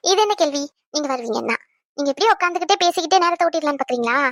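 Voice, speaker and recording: A young woman plays an affectionate young wife in an audio drama, her voice bright and high. She chats along and fusses tenderly over her husband. The recording is close and dry. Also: expressive, fast talker, no echo. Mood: chatty, fussing. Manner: chatty, fussing, tender. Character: caring young pregnant wife, chatty and affectionate. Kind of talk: Tamil audio drama acting.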